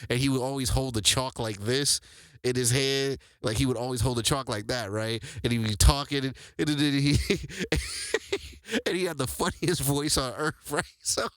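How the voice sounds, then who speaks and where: The show's host, a man in his forties, tells listeners stories from his life in loose, slangy speech, laughing often. His mid-range, fairly bright voice holds a steady tone at normal speed, in clean studio sound with no room echo.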